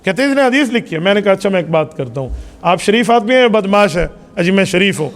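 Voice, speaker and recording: High-voiced Pakistani cleric preaching. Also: male voice, lively intonation. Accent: Pakistani Urdu. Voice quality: emphatic, rhetorical questions to the congregation. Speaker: mufti preaching Friday sermon. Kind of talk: sermon. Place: mosque hall. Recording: long reverb of a mosque hall.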